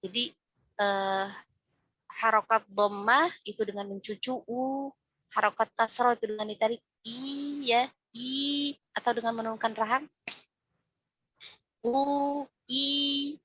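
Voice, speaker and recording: A woman's voice: a little high, steady tone, normal speed, long pauses, fairly bright tone, no room sound, muffled recording. A woman teaching a religious class on Quran recitation, explaining step by step and often ending phrases with a questioning "ya". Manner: explains step by step, frequent tag "ya", demonstrates recitation aloud.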